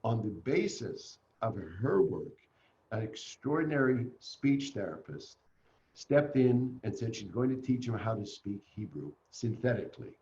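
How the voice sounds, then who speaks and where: An older man from Canada, a guest in an online interview, telling a family story in an earnest, animated way. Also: medium pitch, echoey room, muffled recording.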